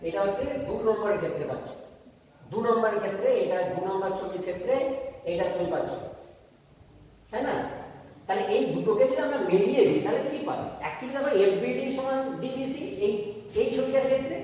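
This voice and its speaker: A woman's voice: on the high side, brisk, warm tone. A woman teaching a math class, explaining step by step and checking in with her students. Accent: Bengali. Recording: echoey room from far off, faint noise.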